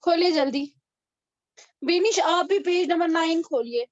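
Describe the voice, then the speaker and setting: A woman teacher giving an English grammar lesson over a video call, explaining slowly and mixing English terms into her speech. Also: very high voice, dry recording. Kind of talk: online class lesson. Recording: dull, dry video-call audio.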